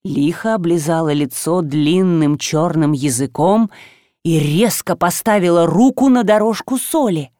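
A woman narrating a fantasy tale in a measured, unhurried way. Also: on the low side, dark tone, dry recording, clean studio sound. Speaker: audiobook narrator.

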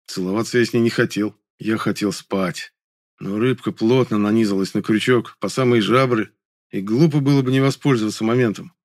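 A man's voice: lowish voice, brisk. A man narrating a first-person audiobook in a dry, wry storytelling manner.

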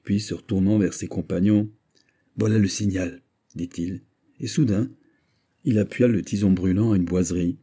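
A man narrating a classic novel as an audiobook in a steady, measured reading. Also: low-pitched, slightly rough.

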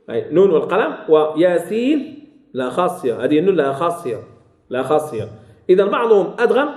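A man with a Moroccan accent leads a classroom lesson on recitation rules, his voice pitched high for a man. He says key terms twice and keeps asking his listeners for answers. The room is echoey and roomy. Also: darkish tone. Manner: repeats key phrases and quizzes listeners. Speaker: Quran recitation teacher.

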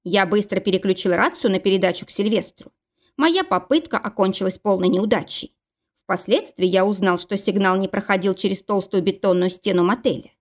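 A woman narrating a first-person audiobook in a steady, even reading style. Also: mid-range voice.

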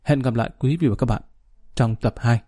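A man narrating a serialized novel in a measured, formal storytelling cadence, addressing listeners directly. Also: mid-range voice, dark tone.

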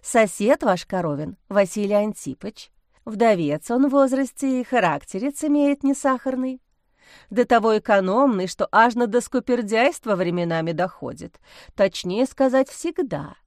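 A woman voicing a shrewd, motherly priest's wife who talks in a brisk, folksy, persuasive way. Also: fairly high pitch, animated, darkish tone, dry recording, studio quality. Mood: confiding.

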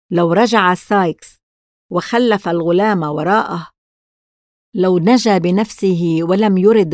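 Scornful old gang boss in a storybook, low and dry, as a woman narrator puts him on. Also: a little mellow, no room sound, close to an everyday voice. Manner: scornful, furious outbursts. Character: scheming old male gang boss, greedy and nervous.

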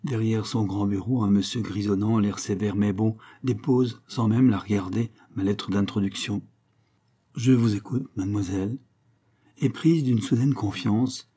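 Male storybook reader, husky and low, expressive with hushed asides. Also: a little slow. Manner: expressive, lively reading with sudden lifts and hushed asides. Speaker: audiobook reader. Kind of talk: reading a short story aloud.

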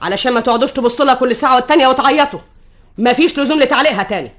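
An actress with an Egyptian Arabic accent plays a bossy widowed mother in an old radio drama, scolding and insistent. Her voice sits high and she races through her lines.

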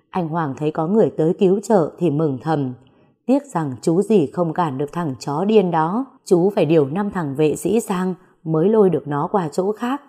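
A woman's voice: fairly low pitch, dark tone, slightly rough. A woman narrating a dramatic audio story and voicing the characters' lines herself.

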